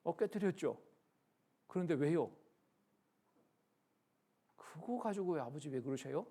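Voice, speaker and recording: A man with a gravelly voice playing a cheeky young boy who whines back at his father in a sermon story. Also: on the high side, expressive, unhurried, warm tone, exaggerated voice. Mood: defiant. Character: cheeky little boy caught breaking a vase.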